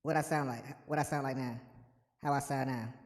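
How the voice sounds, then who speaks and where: A man using a voice changer that pitches his voice up into a helium-like squeak, playfully trying it out on his viewers. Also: steady tone, fairly quick. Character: helium-high squeaky version of himself. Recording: long echoey reverb.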